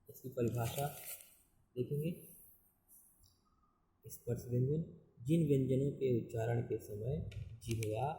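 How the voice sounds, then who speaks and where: A man teaching a classroom grammar lesson, his voice very dark and mellow. He explains slowly, repeating each definition and checking in with his students as he goes. The room around him is echoey. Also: mid-range voice, slight background noise. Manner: slow, repetitive explaining with checking fillers. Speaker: school Hindi teacher.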